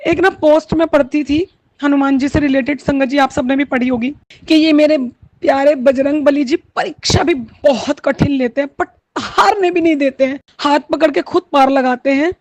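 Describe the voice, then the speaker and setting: High-voiced woman, emotional devotional story, close dry recording. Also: fairly even intonation, normal speed, darkish tone, no echo. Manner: tearful, heartfelt, mixes Hindi with Punjabi and English words. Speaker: devotee sharing a satsang testimony.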